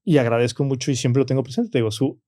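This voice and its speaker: A man with a Mexican Spanish accent, telling personal stories in a relaxed talk and tagging his phrases with "¿no?" and "o sea". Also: medium pitch, fast, no echo, studio quality. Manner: frequent "¿no?" and "o sea" tags, acts out quoted voices. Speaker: podcast guest. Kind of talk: casual conversational storytelling.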